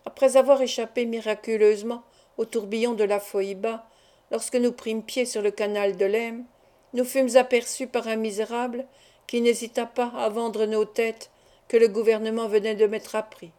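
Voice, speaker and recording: A woman voicing a grave older male doctor who speaks in a measured, solemn way in an audiobook. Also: on the high side, level tone, dark tone, lightly acted.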